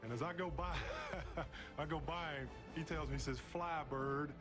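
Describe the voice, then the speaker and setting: A former basketball player recounting a play step by step in an interview. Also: male voice, fairly high pitch, normal speed. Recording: music bed under the interview.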